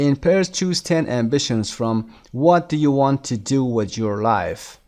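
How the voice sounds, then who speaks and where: A man walks through an English coursebook lesson at an ordinary, mid-range pitch. He slows right down to read each English line deliberately. Then he switches to quick explanations. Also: a little mellow. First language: Persian. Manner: reads English prompts slowly and deliberately, explains quickly in Persian. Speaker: English teacher. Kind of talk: textbook lesson, Persian explanations with slow English read-outs.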